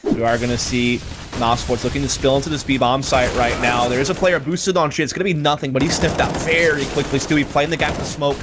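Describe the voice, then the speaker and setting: A man's voice: mid-range voice, fairly even intonation, quick pace. A man calling the action as an esports caster in running play-by-play, with gunfire and game noise behind.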